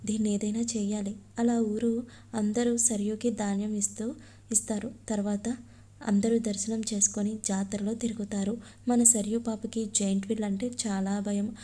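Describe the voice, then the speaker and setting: A woman reading a love story aloud, naming each speaker before their line in a flat, even voice. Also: mid-range voice, normal speed.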